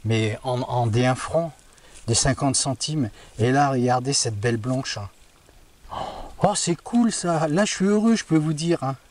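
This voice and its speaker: A man talking to viewers while metal detecting outdoors by woods near a castle, chatty and quick to exclaim, always tacking on little filler words. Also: medium pitch. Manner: chatty, keeps adding "hein" and addressing viewers; excitable, delighted exclamations. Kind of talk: live commentary to camera while detecting. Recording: distant outdoor mic with faint noise.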